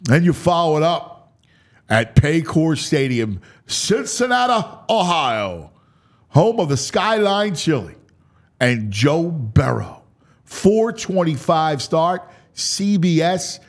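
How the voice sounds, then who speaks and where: On his sports talk show, an American host walks through a schedule with theatrical, announcer-like declarations and offhand asides, an animated and dramatic breakdown. He speaks slowly in a fairly high, very animated voice.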